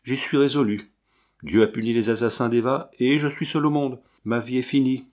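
Solemn noble lady, as a man reads her, devout, calm and firm, storybook reading. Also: mid-range voice, normal speed, close to an everyday voice. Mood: solemn, resolute. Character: devout grave noble woman, a marquise nursing wounded soldiers.

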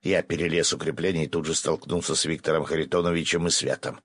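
A man narrating a first-person adventure audiobook, brisk with coarse asides. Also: extremely low pitch, fairly even intonation, a bit bright, breathy edge, dry recording.

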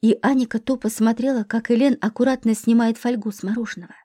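A woman narrates a dramatic novel in a steady, scripted reading. Her voice sits fairly high with a dark, mellow tone. The sound is dry and close to the mic. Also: fast, no room sound. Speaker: audiobook narrator.

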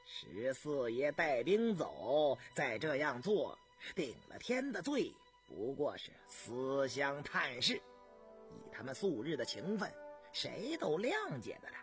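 A man voicing a shrewd, calm male strategist who speaks slowly and deliberately. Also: medium pitch, soft background music. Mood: calculating. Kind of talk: storytelling voice acting.

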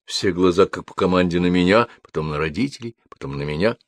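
A man's voice: sits low, fast, dry recording. A man narrating a literary story expressively, with a rhythmic, repetitive telling. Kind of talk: literary reading.

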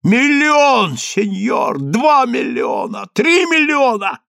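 A man performs a frantic older chief rabbi in an audiobook, his voice pushed up high and strained as he implores. The tone carries a gravelly edge, recorded close and dry. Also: lively intonation, slow, pushed and bright, no room sound, heavily acted. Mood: pleading.

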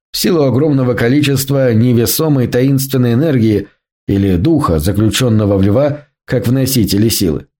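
A man voicing a calm, coldly determined male scientist in an audiobook, with a measured, lecturing delivery. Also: mid-range voice, lightly acted. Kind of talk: audiobook reading.

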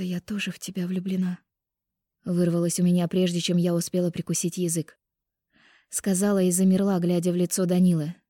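A woman reading a first-person romance audiobook in an expressive, intimate way on a close microphone. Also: fairly low pitch, dry recording. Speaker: audiobook narrator.

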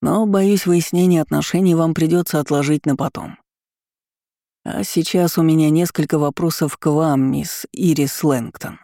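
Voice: medium pitch, fairly even intonation, vocal fry, dark tone, no echo, studio quality, natural voice. A reader voicing a composed, formally polite male investigator in an audiobook. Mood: dry formal. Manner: slow, formal, dryly polite. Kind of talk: audiobook character voice.

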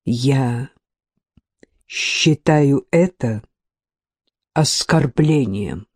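A reader voicing a cold, composed gentleman who speaks slowly and evenly. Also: medium pitch, no echo, studio quality. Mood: icy. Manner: slow, level, icy. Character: cold, composed older gentleman, icily formal.

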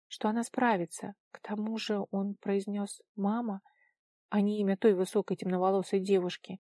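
A woman reading a fantasy story aloud, measured and expressive. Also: medium pitch, dry recording, studio quality. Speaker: audiobook narrator. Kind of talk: scripted fantasy narration.

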